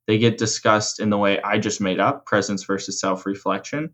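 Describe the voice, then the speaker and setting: A man in a conversational coaching role, explaining ideas in a measured way and rephrasing his points. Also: on the low side, level tone, fairly bright tone. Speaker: host and coach explaining mental frameworks.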